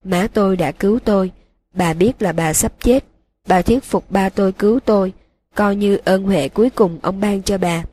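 Woman reading young male dark wizard, broken, flat monotone, husky, audiobook. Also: medium pitch, moderate pace, natural voice.

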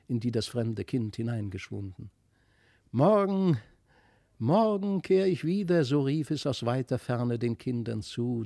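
A man narrating a fairy tale in a studio with expressive, lively storytelling. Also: medium pitch, no echo. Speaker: audiobook narrator.

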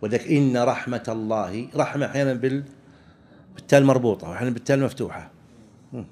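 A man, a religious teacher explaining a legal text to students, halting and often restarting his words. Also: medium pitch, a little mellow. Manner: halting, with frequent restarts and pauses.

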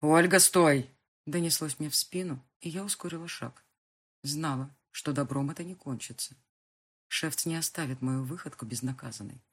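Husky woman narrating an audiobook. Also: sits low, normal speed. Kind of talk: first-person fiction narration.

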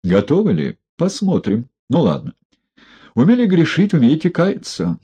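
A man's voice: fairly high pitch, wildly swooping pitch, moderate pace, dark tone, slightly rough, pitched above the performer's own voice, full character voice. A man voicing a stern, contemptuous party inspector who lectures and mocks coldly, reading a story aloud. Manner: stern, cold, mocking.

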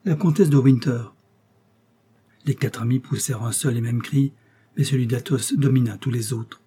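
A man narrating a classic adventure novel as an audiobook, in a steady and dramatic reading. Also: medium pitch, a little fast, slight background noise.

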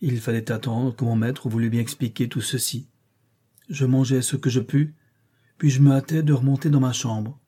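A man narrating a classic novel as an audiobook reader, in a steady, measured way. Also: medium pitch, slightly rough. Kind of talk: scripted narration.

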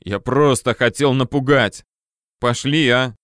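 A man's voice: medium pitch, fairly even intonation, measured pace, fairly bright tone, dry recording, clean studio sound, lightly acted. A man reading an audiobook plays a cowardly, spiteful young man who whines and hisses threats. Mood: whining. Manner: whining and hissing.

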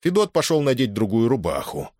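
A man reading a novel aloud as narrator, in an expressive storytelling manner. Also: mid-range voice, fairly quick, no room sound, studio quality. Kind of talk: audiobook reading.

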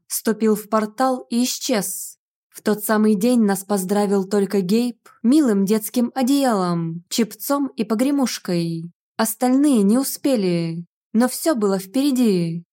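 A woman narrating a first-person fantasy audiobook with lively storytelling. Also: mid-range voice.

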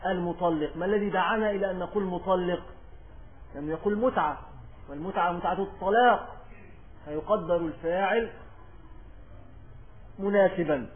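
A man with an Egyptian accent teaches in a high voice, reading quoted lines slowly and loudly before explaining them. He keeps circling back with repeated phrases and rhetorical questions. The lecture comes through a thin, tinny recording. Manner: reads quoted text slowly and louder. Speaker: religious teacher.

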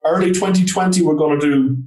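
A man's voice: on the high side, brisk, dark tone, distant mic. A man with a west of Ireland accent giving informal, plain-worded answers as an interview guest, in a conversational style. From Galway, Ireland. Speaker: trainer and consultant, interview guest. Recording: roomy, echoing sound.

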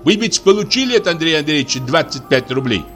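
A man's voice: on the high side, big pitch swings, quick pace, fairly bright tone, faint music behind. A man voicing a pushy petty bridegroom. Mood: accusing. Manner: pressing, accusing questions.

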